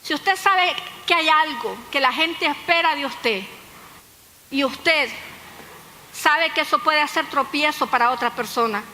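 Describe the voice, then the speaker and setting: A woman's voice: sits high, measured pace, sharp tone. A woman pastor preaching a sermon, telling stories with humor and turning to the congregation with asides. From Nicaragua. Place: church hall. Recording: echoey hall with faint noise.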